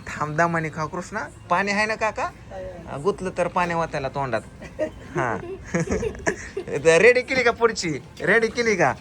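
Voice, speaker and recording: A man's voice: high voice, lively intonation, normal speed, sharp tone. A man running a family food challenge outdoors, hurrying the eaters along and teasing them as he counts the scores. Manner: urges and teases, counts out scores. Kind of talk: casual excited commentary.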